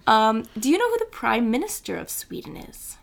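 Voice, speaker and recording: A woman's voice: fairly high pitch, wildly swooping pitch, moderate pace, gravelly. A young American woman hosting a casual podcast chat, quizzing her guest in a chatty way with frequent fillers. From United States. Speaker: podcast host.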